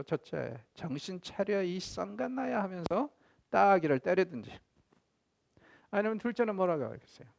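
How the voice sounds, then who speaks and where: A man teaching a theology class in a conversational, animated way, often acting out quoted speech. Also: sits high, creaky, no room sound. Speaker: professor.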